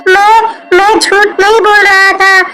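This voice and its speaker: A woman's voice: extremely high pitch, little pitch movement, slow pace, full character voice. A woman voicing a curious, anxious young village boy in a cartoon story, speaking in a worried, insistent way. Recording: loud background music.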